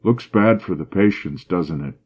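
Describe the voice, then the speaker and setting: A man voicing a loud, boisterous young horse dealer's son who blusters and bullies. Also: sits low, a little slow, husky. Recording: dull lo-fi audio.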